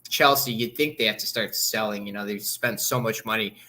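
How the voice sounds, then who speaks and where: A man's voice: on the low side, a little fast, bright, forceful tone. A man co-hosting a casual sports talk show, hesitant and often repeating words.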